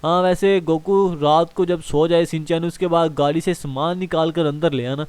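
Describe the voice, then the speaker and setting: A man's voice: fairly high pitch, fairly even intonation, normal speed, a little mellow, smooth, close to an everyday voice. A man voicing a chatty, laid-back young man in a fan game role-play, talking to viewers now and then. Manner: chatty, uses "yaar" a lot, talks to viewers.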